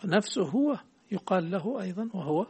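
A man's voice: sits high, animated, brisk, a little mellow, husky. A man teaching a hadith text in class, quizzing his student and correcting the readings.

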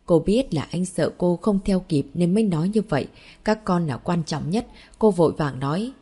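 A woman narrating a romance story as an audiobook in an even storytelling manner. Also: on the low side, normal speed, husky.

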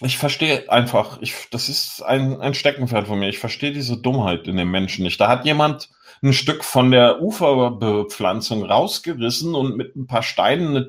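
A middle-aged man co-hosting a casual talk show, ranting in an exasperated way. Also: on the low side. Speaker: podcast co-host. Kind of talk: casual chat.

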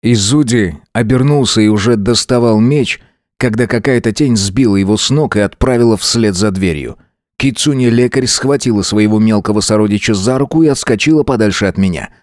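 A man reads a first-person fantasy audiobook in a steady, even way. His voice is low, and the recording is dry and close with no room sound. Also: no room sound. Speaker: audiobook narrator.

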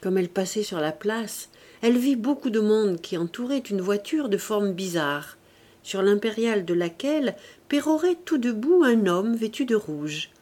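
A woman reading a classic novel aloud as an audiobook narrator, in clear, even scripted narration. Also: medium pitch, normal speed.

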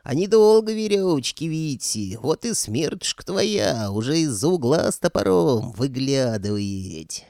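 A man voicing an ancient, cranky male ghost sorcerer who creaks and wails in drawn-out, boastful outbursts. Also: medium pitch, big pitch swings, mellow, no echo, studio quality, voice pushed up. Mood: scornful.

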